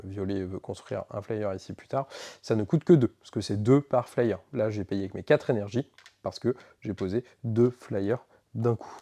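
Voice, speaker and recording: Man, game shop presenter, casual rules walkthrough, middle pitch. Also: a little mellow. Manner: casual, filler-heavy walkthrough with self-corrections.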